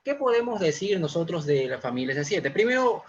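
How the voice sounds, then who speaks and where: A young man with a Guayaquil accent gives a live online lesson from a small room. His voice sits fairly high, and he explains step by step with frequent "eh" fillers. The audio comes through a laptop on a video call and sounds dull and muffled. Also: sing-song, brisk, husky. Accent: Ecuadorian Spanish, Guayaquil. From Ecuador. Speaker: automation instructor. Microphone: webcam or laptop mic on video call.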